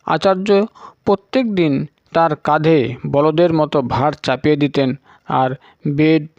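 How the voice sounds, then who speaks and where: A male storyteller giving a scripted narration of a scripture story in a steady, solemn way. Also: a little high, measured pace, no room sound. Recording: dull lo-fi recording.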